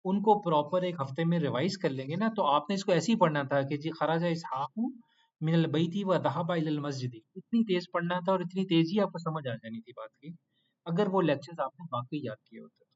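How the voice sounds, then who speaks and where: A man with a fairly high voice teaches an online Quranic Arabic class. He quizzes his students with short prompts and coaxes answers out of them. He playfully scolds them into doing their homework, and the lo-fi audio sounds a little muffled. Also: a little fast, darkish tone.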